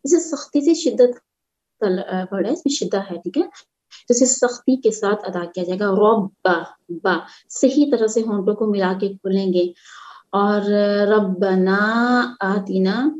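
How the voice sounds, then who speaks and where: A woman teaching recitation in an online class, speaking slowly and patiently, repeating syllables and asking her students questions. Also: medium pitch, mellow. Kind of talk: online tajweed lesson.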